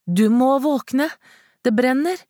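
A woman narrator voicing a frightened woman who cries out in shrill, desperate panic. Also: steady tone, dry recording, studio quality, close to an everyday voice. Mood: frantic. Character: frantic, frightened woman fleeing a fire. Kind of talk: audiobook character voice.

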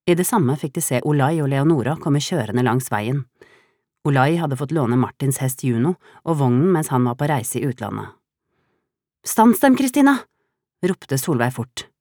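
Woman narrating a story in a low voice. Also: no echo, studio quality. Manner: calm, steady reading. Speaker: audiobook narrator. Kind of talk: scripted narration.

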